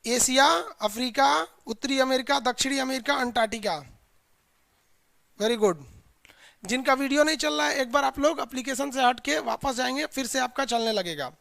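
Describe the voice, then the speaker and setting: A man's voice: very high-pitched, normal speed, gravelly, pushed and bright, no room sound, studio quality. A man teaching a live online class in a colloquial, chiding way, drilling his students with repeated call-and-response lists.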